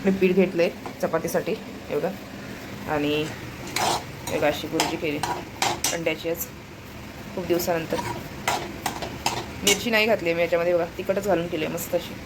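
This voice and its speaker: A woman's voice: lowish voice, fairly even intonation, normal speed, long pauses, heavy background noise. Chatty woman vlogging from home. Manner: chatty, laughs often, coos at pet bird. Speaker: family vlogger. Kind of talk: casual chat to camera.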